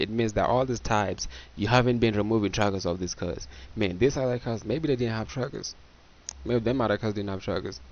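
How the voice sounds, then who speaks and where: Young man from Botswana, slangy reaction commentator, a bit low, muffled audio. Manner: loose, slangy, repeats "bro".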